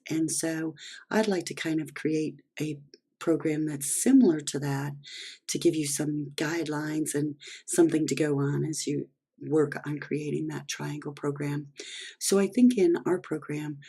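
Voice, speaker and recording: Programming instructor, hoarse, husky tone, step-by-step explaining, screencast lesson. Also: mid-range voice. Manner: steady step-by-step explaining, talking through actions on screen. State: losing voice, hoarse. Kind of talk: screen-recorded coding lesson.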